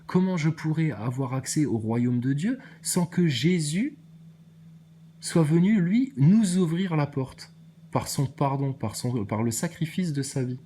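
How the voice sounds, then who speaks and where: Combative, preachy man with a mellow voice. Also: fairly high pitch, lively intonation, measured pace, a little hiss or hum. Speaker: video maker answering viewer comments. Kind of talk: ranting monologue to commenters.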